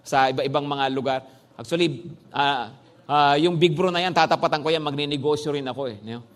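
Animated pastor preaching, high voice. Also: male voice, fairly quick. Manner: animated preaching, frequent "no?" tag questions, mixing English phrases. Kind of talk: sermon.

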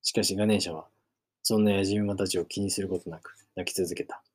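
A man narrates a novel in a low, husky voice. His reading is even and measured, steady from line to line. It is scripted storytelling read aloud. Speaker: reader.

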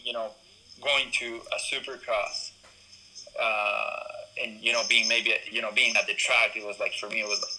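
A man's voice: mid-range voice, sharp tone, poor audio. A young man from Ecuador, a BMX racer, talking casually in an interview with lots of fillers and restarts. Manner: rambling, many fillers and restarts.

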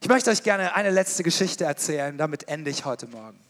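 A middle-aged male pastor preaching a sermon. He speaks in a lively, emphatic, colloquial way and talks directly to the congregation. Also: fairly high pitch, a little fast.

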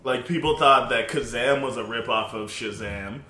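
A man's voice: medium pitch, moderate pace, bright, forceful tone, roomy sound, slight background noise. A man co-hosting a casual podcast, teasing his friends and laughing often. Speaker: podcast co-host. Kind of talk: casual chat.

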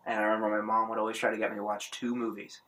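A man's voice: fairly low pitch, flat delivery, racing, bright, forceful tone, a little hiss or hum. A man co-hosting a podcast in casual chat, telling a childhood story with frequent laughter. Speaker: podcast co-host.

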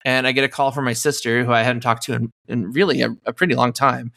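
A calm man with a gravelly, mid-pitched voice talks unhurriedly as a podcast guest. The conversation is casual and relaxed, and he fills it with plenty of "you know."

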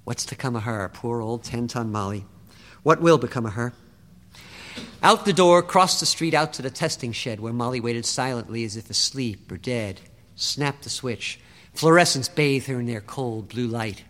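A man's voice: mid-range voice, expressive, moderate pace, a bit bright. A man reciting a rhyming spoken-word story with a driving, rhythmic delivery. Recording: long reverb.

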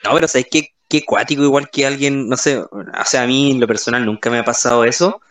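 A man's voice: medium pitch, fairly even intonation, fairly quick, a bit bright. A man, a podcast co-host chatting casually and reflecting with joking remarks. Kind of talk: casual chat. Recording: echoey room, far from mic.

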